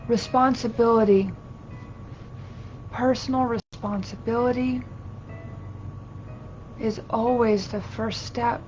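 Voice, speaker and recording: A woman channeling as a seance medium, giving a solemn spiritual sermon in formal, archaic, halting phrases as a collective "we". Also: steady tone, darkish tone, faint music behind. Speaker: trance channeler. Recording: dull lo-fi audio with low rumbling noise.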